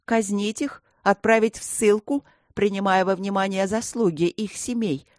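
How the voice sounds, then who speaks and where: A woman's voice: mid-range voice, normal speed, no room sound, studio quality, natural voice. A woman voicing a cold, imperious queen in an audiobook, speaking in a commanding, clipped way. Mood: stern.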